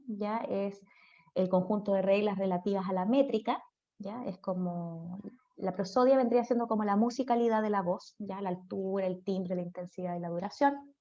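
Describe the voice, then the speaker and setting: A woman's voice: mid-range voice, dark tone. A woman with a Chilean accent giving a class on speech therapy, chatty and checking in with students through frequent tag questions. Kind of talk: online class lecture. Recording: dull lo-fi audio.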